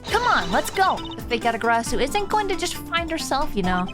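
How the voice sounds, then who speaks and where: Casting: peppy, pushy young thief heroine a woman acting it, raised bright-eyed game-character delivery, music behind. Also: sits high, very animated, fairly quick. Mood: pushy, teasing. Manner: brash, emphatic, pushy. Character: excitable, bossy, energetic young female self-styled thief in a game.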